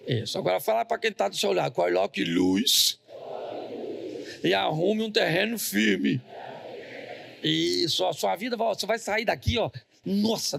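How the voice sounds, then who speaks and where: A man's voice: high voice, gravelly, a bit bright. A man preaching a humorous sermon as a pastor in a church, with a Brazilian Portuguese accent, joking and telling stories to the congregation. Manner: joking, storytelling, calls on the congregation. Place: church hall.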